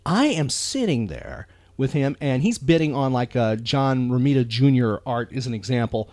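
Casual and earnest, this male podcast host talks through a talk-show monologue with a lively, swinging pitch, halting and repeating words as he thinks aloud. He speaks at normal speed, recorded close and dry.

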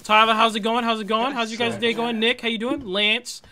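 A man's voice: very high voice, flat delivery, brisk, a crowd in the background. A young man streaming a game, chatting casually and greeting viewers from the chat in an upbeat way.

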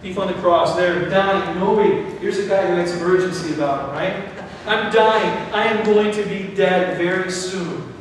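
Middle-aged pastor preaching in an echoey church. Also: male voice, high-pitched, normal speed, hardly any pauses, slight background noise. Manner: animated, gesturing while preaching, acts out quoted thoughts. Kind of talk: sermon. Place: church sanctuary, indoors. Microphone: far camera, no mic worn. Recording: echoey hall from far off.

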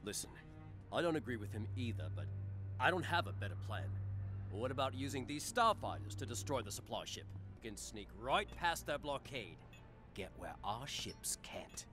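An actor playing a loyal, frustrated clone soldier in an animated series, speaking earnestly. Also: male voice, mid-range voice, moderate pace, music in the background, lightly acted. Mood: frustrated, determined.

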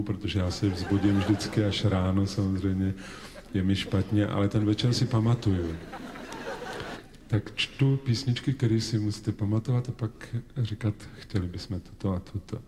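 A man in his forties chatting and joking with a live audience between songs, teasing and talkative in a raised stage voice. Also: fairly low pitch. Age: 40s. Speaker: singer-songwriter on stage. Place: live concert hall with audience. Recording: echoey live hall recording, audience noise.

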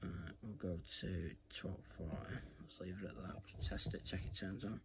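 Indoors at home on a carpeted floor, a British man gives a how-to demonstration, filming his hands with his phone. He talks at normal speed in a low-pitched voice with fairly even intonation, in an informal, rambling, repetitive way. Background noise is audible.

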